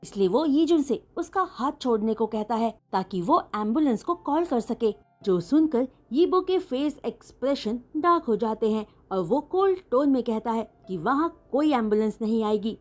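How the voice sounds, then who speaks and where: A woman narrates a fan-written romance story with a fairly high voice. Her telling is animated and dramatic, with her pitch rising and falling freely as she builds each moment. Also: moderate pace, few pauses. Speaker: fanfiction storyteller. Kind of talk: retelling a romance story in Hindi.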